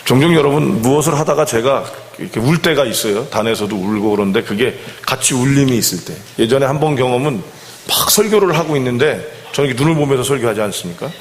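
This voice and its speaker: A man's voice: medium pitch, animated, quick pace, slight background noise. Man preaching in a reverberant church. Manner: conversational, keeps asking the congregation questions. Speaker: senior pastor. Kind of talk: sermon. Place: church sanctuary. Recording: long church hall reverb.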